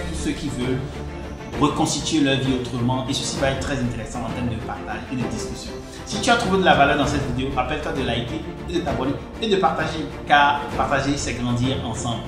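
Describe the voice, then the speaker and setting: A man from Benin, earnestly coaching the listener on relationships in a direct-to-camera talk. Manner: earnest, addresses the listener directly, emphatic pitch jumps. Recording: very echoey room with faint music.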